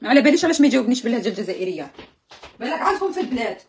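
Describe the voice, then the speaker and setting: A woman's voice: on the high side, big pitch swings, rapid-fire, very noisy. A woman with an Algerian accent chatting casually with viewers on a live stream, exasperated and joking.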